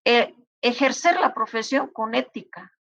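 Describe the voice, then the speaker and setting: This woman speaks a little slowly, her fairly high, slightly bright voice touched with vocal fry and free of echo. Giving a university lecture to medical students, she advises them and plays out exchanges between colleagues.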